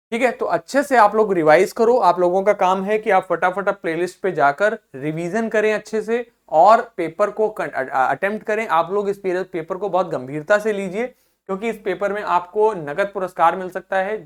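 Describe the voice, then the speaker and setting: A teacher giving an online vocabulary lesson to school students. They say each word slowly several times, speak to the students directly and often check in with "okay". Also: mid-range voice, a bit bright. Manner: addresses students directly and encourages them.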